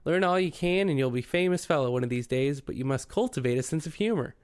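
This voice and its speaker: A man's voice: fairly high pitch, animated, fast, smooth, no echo, studio quality, natural voice. A man reading the part of a friendly, cultivated young male artist in an audiobook. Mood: jovial. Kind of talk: audiobook character voice.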